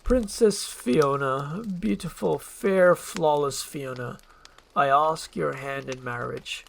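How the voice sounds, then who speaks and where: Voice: mid-range voice, takes it slowly, vocal fry, slight background noise. A performer voicing a pompous, vain and scheming little male lord with a theatrical manner. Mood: oily charm.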